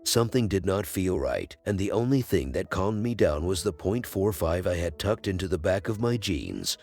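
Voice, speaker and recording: A man reads a scary story aloud with a very deep, gravelly voice. His delivery is measured but rises and falls with a lively pitch range. Soft music plays faintly behind him. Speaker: horror story narrator. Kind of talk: scripted narration.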